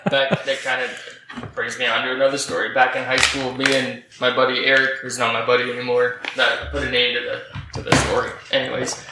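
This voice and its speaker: Halting man in a roomy, noisy room. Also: medium pitch, level tone. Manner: halting, filler-heavy, self-mocking. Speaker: podcast guest. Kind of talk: casual chat.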